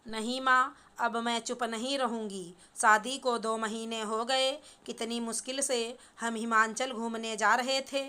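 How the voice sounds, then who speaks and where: Woman playing upset young newlywed daughter, complaining, bright crisp voice. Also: on the high side, fairly even intonation, a little slow, hardly any pauses. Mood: angry. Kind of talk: storybook reading.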